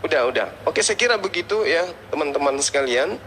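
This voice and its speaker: A man's voice: a little high, lively intonation, a little fast, a bit bright, slight background noise. A man, hosting a debate channel and scolding someone in an angry, threatening rant.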